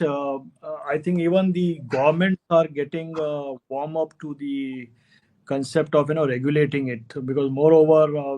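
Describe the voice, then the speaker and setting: A man with a slightly high voice joins an online panel discussion. He speaks hesitantly, filling his pauses with "uh" as he builds his point. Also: a little mellow, poor audio.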